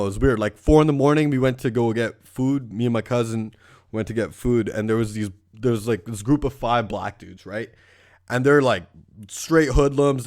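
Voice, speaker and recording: A man from Canada hosting a podcast, telling stories in a casual, profane, rambling monologue. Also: medium pitch. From Surrey, Canada. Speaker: podcast host.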